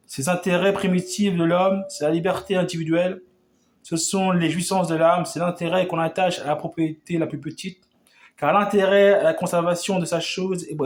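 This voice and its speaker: Guy reading out an old revolution speech like an orator, kinda high voice, keeps tripping and restarting words. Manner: oratorical, with frequent stumbles and restarts. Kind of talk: declaiming a historic revolutionary speech.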